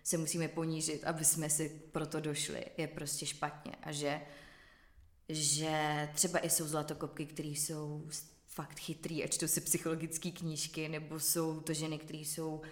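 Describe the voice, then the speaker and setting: A woman who works as an actress, speaking as a guest in a thoughtful interview and pausing often to search for words. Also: low voice, monotone, echoey room. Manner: thoughtful, searching, many hesitations. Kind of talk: reflective interview talk.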